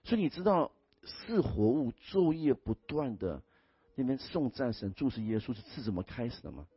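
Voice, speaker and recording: A male pastor, telling stories in a sermon, swinging between loud exclamations and hushed murmurs. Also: mid-range voice, big pitch swings, normal speed, husky, dry recording, muffled recording. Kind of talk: storytelling sermon.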